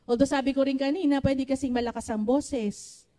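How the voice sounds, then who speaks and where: A woman with a Filipino accent preaching a sermon to a church congregation, with a naturally loud voice, often calling on the congregation to respond. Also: high voice, steady tone, moderate pace. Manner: switches between Tagalog and English, asks the congregation for responses.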